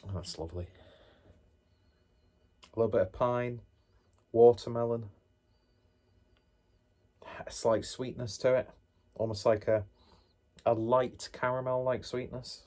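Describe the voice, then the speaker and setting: A man's voice: medium pitch, steady tone, a little slow, long pauses, darkish tone. A man giving a casual tasting review to viewers, musing aloud with chatty, self-deprecating asides. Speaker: beer reviewer, host.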